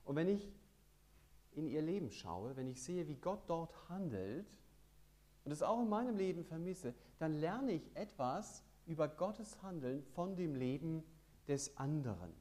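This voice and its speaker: A man preaching a sermon with lively emphasis, reading scripture passages aloud. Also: on the high side, a little slow.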